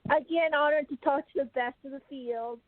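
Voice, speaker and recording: A woman's voice: sits high, a little fast, dry recording. A woman calling into a radio show over a phone line, hesitant and stammering as she asks her question. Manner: hesitant, stammering, fumbles for words. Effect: phone-line call into a radio show. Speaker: caller. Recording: dry tinny phone line.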